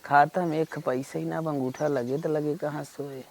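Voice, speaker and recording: A man's voice: a little high, fairly even intonation, normal speed, creaky. A man with an Awadhi accent, acting a broke village husband who pleads and whines in a rustic comedy sketch. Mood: pleading. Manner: pleading, whiny. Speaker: comic actor.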